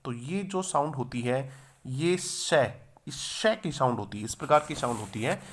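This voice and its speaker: Man, pronunciation teacher, mid-pitched voice, spells words letter by letter, drawn-out sounds, asks and answers his own questions. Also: animated, fairly bright tone, slight background noise. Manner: asks the viewer questions, then answers them. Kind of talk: explanatory video lesson.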